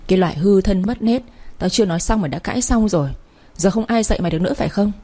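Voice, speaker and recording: A woman's voice: mid-range voice, racing, dark tone, close to an everyday voice. A woman voicing an arrogant young married woman who scolds and screeches insults. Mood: furious.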